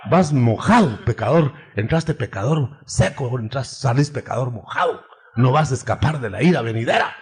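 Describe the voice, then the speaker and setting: A man voicing a fiery male prophet who shouts and scolds sinners in a sermon retelling. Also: mid-range voice, lively intonation, moderate pace, close to an everyday voice. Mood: scolding fury.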